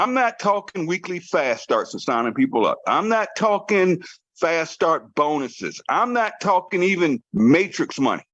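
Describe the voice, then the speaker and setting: A man's voice: fairly high pitch, no room sound, lo-fi sound. A man leading a motivational team training call, urging and repeating his points with emphatic, preacher-like drive. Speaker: network marketing team trainer. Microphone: conference call line.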